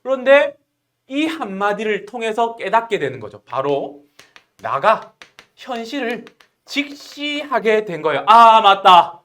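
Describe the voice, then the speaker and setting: A woman's voice: fairly high pitch, measured pace. A woman teaching literature in an online exam-prep lecture, explaining animatedly and asking questions. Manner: animated, explaining with acted quotes.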